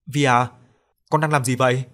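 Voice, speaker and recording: A man's voice: medium pitch, fairly even intonation, moderate pace, a bit bright, natural voice. A man reading the part of a middle-aged mother, worried and tearful over her daughter. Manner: distraught, crying out.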